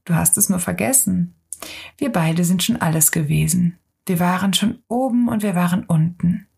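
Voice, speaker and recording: A woman voicing a kind, patient friendly soul in a whispered role-play, speaking softly and calmly with a husky voice. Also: on the low side, moderate pace, exaggerated voice. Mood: gentle. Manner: soft, gentle, calm.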